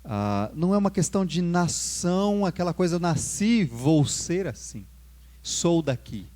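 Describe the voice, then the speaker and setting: Preaching with big pitch swings, this young Brazilian pastor speaks a little slowly in a slightly mellow voice with a Brazilian Portuguese accent. His voice lifts on important words and drops low as each phrase ends.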